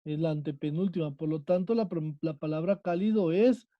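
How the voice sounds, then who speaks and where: A man's voice: fairly high pitch, moderate pace, dry recording, muffled recording. A man with a Mexican accent, teaching a Spanish class and quizzing his students, checking in with them again and again. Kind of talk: online class lesson.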